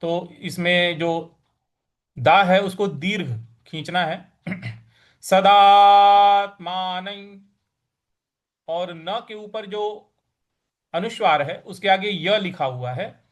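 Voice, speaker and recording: A man's voice: high voice, slow pace, a bit bright. A man teaching scripture recitation, drilling pronunciation syllable by syllable and chanting verses in a melodic sing-song. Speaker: Gita teacher. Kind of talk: recitation lesson.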